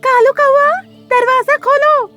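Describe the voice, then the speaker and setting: A woman voicing a kind, gentle young female sparrow in a cartoon, with a high, pleading manner. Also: lively intonation, normal speed, soft background music. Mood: distressed.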